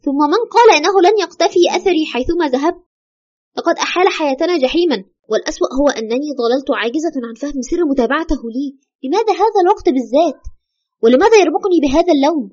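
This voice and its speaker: A haunted widow, played by a woman, pours out her tale of a ghost that will not leave her. She speaks very fast and a little high, with the fear held close under every line. The audio is slightly muffled, as if from a lo-fi audio drama. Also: animated, a little mellow. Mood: tense. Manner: fearful, urgent, breathless retelling. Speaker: storyteller consulting a doctor.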